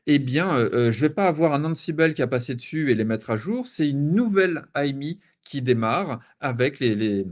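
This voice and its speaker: A man from France giving a technical conference talk with playful analogies, sometimes stumbling over repeated words. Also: mid-range voice. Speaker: conference speaker.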